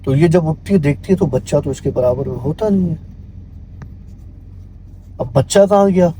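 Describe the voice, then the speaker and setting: A man telling a true horror story in a relaxed conversational way, often dropping into hushed tones. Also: fairly high pitch, slight background noise, rough recording. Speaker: guest storyteller.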